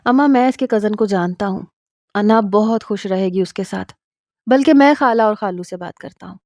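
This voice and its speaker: A woman voicing a young husband in a spoken story, brisk and reassuring. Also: mid-range voice, a little mellow, no room sound, studio quality, lightly acted. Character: young husband, easygoing, decisive.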